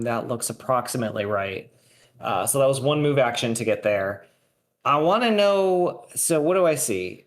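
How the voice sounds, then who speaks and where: Male tabletop player, average pitch, casual talk while working out tactics. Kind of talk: casual game-table chat, thinking aloud.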